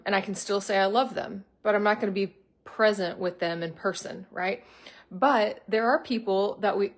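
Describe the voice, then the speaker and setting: Middle-aged woman, coach talking live to viewers; sincere, heartfelt, mid-range voice. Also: mid-range voice. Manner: heartfelt, earnest, gets choked up. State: emotional, choked up. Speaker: coach promoting a webinar. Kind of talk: live video talk to viewers.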